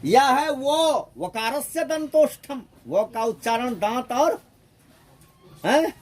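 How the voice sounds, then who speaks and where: Slow, high-voiced male grammar teacher. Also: expressive. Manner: questioning, repeats points, drills the class. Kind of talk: classroom grammar lesson.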